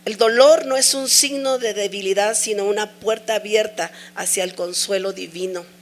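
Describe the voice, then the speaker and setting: A woman's voice: medium pitch, fairly even intonation, normal speed. A middle-aged woman preaching a sermon, sharing an emotional personal testimony with earnest, repeated pleas.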